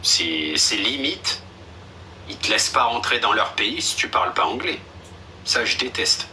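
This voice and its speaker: A man's voice: on the low side, sing-song, measured pace, pushed and bright. A young man chatting casually on a live stream, blunt and slangy, with a dismissive streak. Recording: a bit distant with faint background noise.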